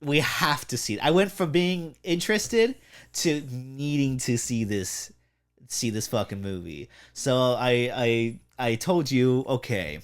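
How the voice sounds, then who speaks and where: A man's voice: medium pitch, slow, smooth. A man co-hosting a podcast in casual chat, telling stories in a rambling way, swearing constantly and laughing often. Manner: profane, rambling storyteller with frequent laughs. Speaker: podcast co-host.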